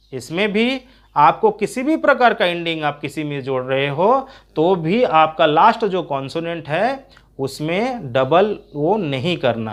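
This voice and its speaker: Man, high voice, English teacher, spoken spelling lesson, spells words out letter by letter. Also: fairly bright tone.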